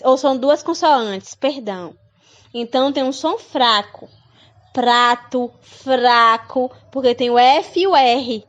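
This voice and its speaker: A woman's voice: high voice, dull audio. A woman teacher giving a children's phonics lesson, patiently repeating example words and asking her pupils questions. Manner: asks pupils questions, calls them dear.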